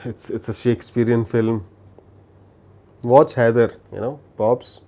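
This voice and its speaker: A man from India with a Telugu accent hosts a livestream, casually recommending films in a mellow, mid-range voice. His tone is steady and his pace measured, and he often repeats words and restarts sentences.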